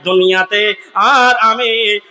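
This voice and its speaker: A man preaching a sermon, chanting in long drawn-out melodic phrases that swell to shouted peaks. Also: high-pitched, steady tone, muffled recording. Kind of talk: sung Bengali sermon (waz).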